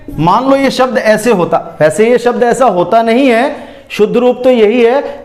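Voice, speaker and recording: A man's voice: high-pitched, a little mellow. A man with an Indian accent teaching Hindi grammar, patiently spelling each word out piece by piece. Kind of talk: whiteboard lesson explaining spelling breakdown.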